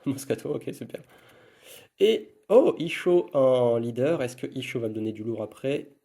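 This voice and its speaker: A man's voice: mid-range voice, animated, normal speed, vocal fry, dark tone. A man giving casual running commentary while opening trading card packs, murmuring card names one after another.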